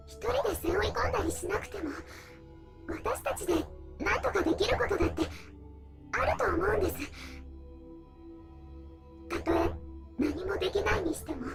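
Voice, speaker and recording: A woman voicing an earnest, soft-spoken young woman who pleads gently with a distant friend in a horror visual novel. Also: very high voice, gravelly, exaggerated voice.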